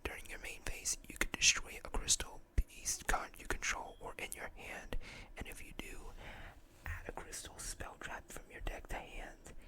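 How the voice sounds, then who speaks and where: Reading card game text in ASMR fashion, this host keeps a moderate pace, whispering softly and without hurry right up against the mic and adding little asides.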